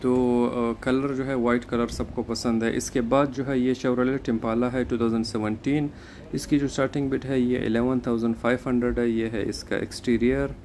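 A man narrating a walkaround video at an outdoor used car auction lot, speaking in a plain, steady, informative way with hesitant fillers. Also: mid-range voice, normal speed. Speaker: car market vlogger. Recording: outdoor noise behind voice.

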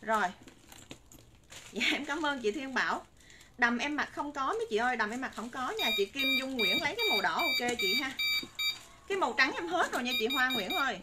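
Animated and fairly quick, a high-voiced woman in her thirties with a Southern Vietnamese accent keeps up persuasive, repetitive sales talk for her live-stream shop. She is indoors among curtains and bagged merchandise. Her phone sits a short distance away, and the room recording is noisy.

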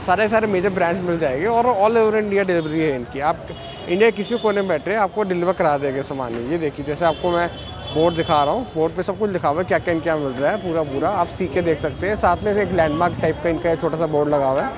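A man's voice: a little high, fast talker. A man giving a walking tour of a market shop on a handheld phone camera, often repeating words as he points things out. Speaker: vlogger. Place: busy city market street and shop at night. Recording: street noise behind.

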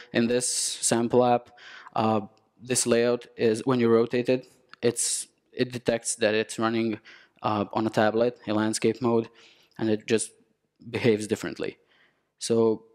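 A young man with a Serbian accent speaks at a conference lectern through a headset mic. His voice is smooth and clear, pitched in the middle range. He talks in a halting way, with fillers and frequent restarts. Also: a little mellow. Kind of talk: technical conference talk.

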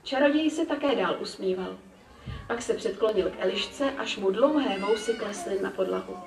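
A woman reading a children's story aloud in a calm, measured way. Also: medium pitch, vocal fry, slight background noise. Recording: roomy, distant, faint ambience.

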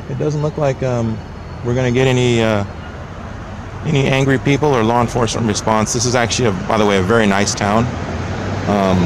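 A Texan video blogger films a public-space audit outdoors on a sidewalk beside a road, offering wry, rambling commentary with joking asides in a medium-pitched voice. He's behind a handheld camera whose microphone picks up street noise, passing vehicles, and outdoor ambience.

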